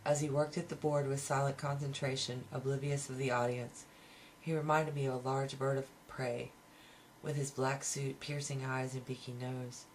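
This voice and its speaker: On a rough home recording with faint background noise, a man reads a novel aloud as an amateur narrator. His delivery is flat, medium in pitch and moderately paced, and now and then he stumbles on a word and restarts.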